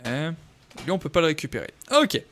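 A young man streaming a game live, chatting away as he sorts through his gear and answers his viewers. His voice sits a little high and swings up and down a lot as he talks, easy and casual throughout. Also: sing-song, fairly quick, a bit bright, a little hiss or hum. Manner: chatty, thinks aloud, talks to chat viewers. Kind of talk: casual live gameplay commentary.

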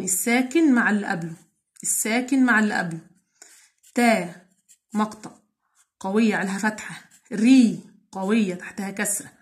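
A woman teacher with an Egyptian accent gives a recorded school lesson, breaking words into syllables slowly and answering her own questions. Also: mid-range voice. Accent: Egyptian Arabic. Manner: slow, drawn-out syllable-by-syllable spelling; asks questions and answers them herself. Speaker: primary school Arabic teacher.

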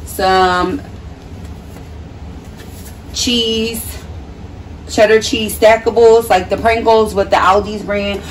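Here the same kind of grocery-haul narration comes slowly, with frequent pauses, in a medium-pitched voice whose intonation stays fairly even. She's a mother vlogging casually from her home kitchen, recorded by a nearby camera mic that sounds distant and clearly noisy.

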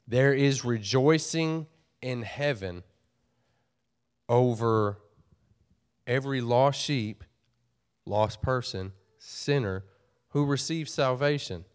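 A man's voice: mid-range voice, darkish tone, smooth. A pastor preaching a sermon to his church, earnest and folksy, often repeating and restarting his phrases.

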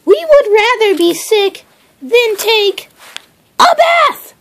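Someone putting on a high, swooping excitable bird kid. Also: takes it slowly, full character voice. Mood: cheeky. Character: excitable young bird kids from a mobile game. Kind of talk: improvised puppet-show character answers.

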